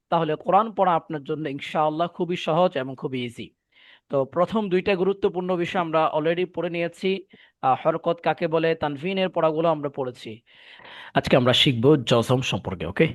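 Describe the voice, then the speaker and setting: A man's voice: a little high, normal speed. A man from Bangladesh teaching an online Quran recitation class, patiently repeating letter drills and checking in with his students.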